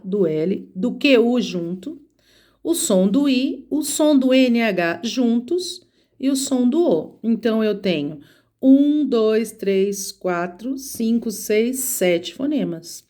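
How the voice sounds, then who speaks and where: A woman's voice: on the high side, animated, slow pace, a little mellow. A woman teacher with a Brazilian Portuguese accent, patiently explaining a lesson to children step by step and counting letters aloud. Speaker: schoolteacher. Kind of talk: recorded remote lesson for children.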